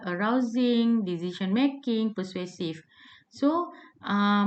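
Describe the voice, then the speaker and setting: A woman's voice: on the high side, darkish tone, dull audio. A Malaysian woman lecturer giving a casual lecture, chatty with many fillers and English terms mixed in.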